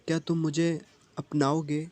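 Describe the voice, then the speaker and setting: A man's voice: on the high side, flat delivery, a little mellow, lightly acted. A man voicing a young woman, the storyteller's lost love, read plainly in his own voice. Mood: tearful pleading.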